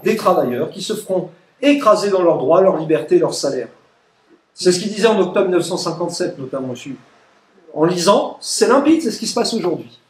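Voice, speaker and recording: An Egyptian political speaker with a high, somewhat mellow voice mocks his opponents at a public meeting. His delivery is emphatic and sarcastic, with mock-voiced quotations of his rivals, and the recording carries the echo of the meeting room.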